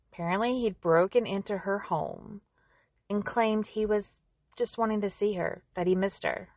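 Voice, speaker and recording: A woman's voice: on the low side, creaky, no room sound. A woman hosting a true-crime podcast, narrating a scripted story with conversational asides to the listener.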